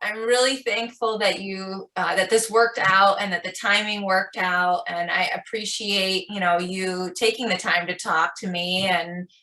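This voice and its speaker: Bright-voiced woman with a Great Lakes accent. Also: mid-range voice, far from the mic, low-quality recording. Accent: Michigan, Great Lakes American. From United States, Michigan. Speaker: podcast host. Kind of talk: casual interview chat.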